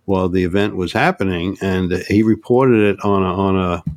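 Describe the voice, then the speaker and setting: Halting older man, low dry voice. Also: a little mellow, dry recording. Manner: halting, many restarts and fillers. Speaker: guest on UFO topics. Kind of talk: casual podcast conversation.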